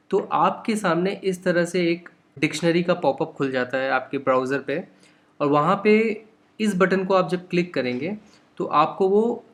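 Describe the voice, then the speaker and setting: A man's voice: fairly high pitch, a bit bright. A young man with an Indian accent, teaching English from a textbook. He explains patiently, line by line, and mixes English into his talk.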